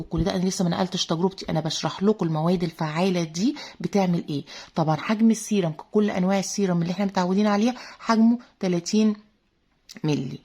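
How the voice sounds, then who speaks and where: A woman's voice: on the low side, a little mellow. A woman with an Egyptian accent chatting through a product review, full of fillers and talking straight to her female viewers. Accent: Egyptian Arabic. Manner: chatty, many filler "aah"s, addresses viewers as girls. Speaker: beauty vlogger reviewing a serum.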